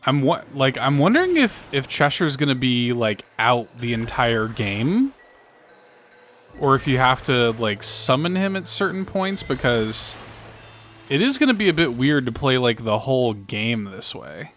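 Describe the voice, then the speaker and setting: A man's voice: mid-range voice, expressive, a little slow, fairly bright tone, faint music behind. A man giving casual let's play commentary on a video game, thinking aloud as he goes.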